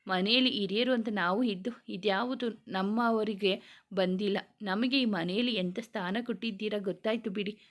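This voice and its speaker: A woman's voice: mid-range voice, normal speed, close to an everyday voice. A woman voicing an older mother-in-law who reproaches the family for leaving her out, in a read-aloud story. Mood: reproachful. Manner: reproachful, hurt. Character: aggrieved elderly mother-in-law, family elder.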